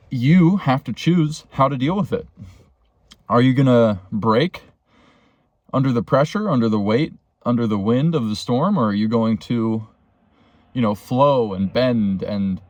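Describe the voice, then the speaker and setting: A man's voice: mid-range voice, a little mellow, no echo. A man vlogging a rambling, earnest self-help reflection while waiting beside a road for a tow truck, with frequent fillers.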